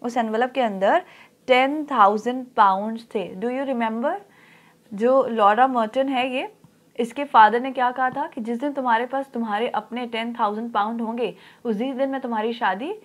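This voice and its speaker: A woman teacher explaining an English story in Hindi, reading the English lines slowly and then explaining them. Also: on the high side.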